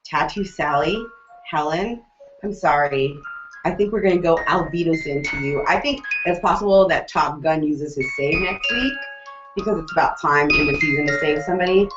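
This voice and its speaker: A woman co-hosting a casual TV recap chat, animated, jokey and opinionated. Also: low-pitched, normal speed, music in the background. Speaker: co-host. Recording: roomy, dull lo-fi recording.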